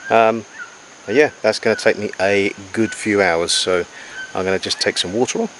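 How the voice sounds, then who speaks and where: A man with a fairly low, fairly bright voice speaks at normal speed, keeping a casual survival diary beside a river in the jungle and explaining things to camera in an unscripted, methodical, matter-of-fact way. The audio quality is poor, with faint insect noise and jungle ambience full of crickets and insects.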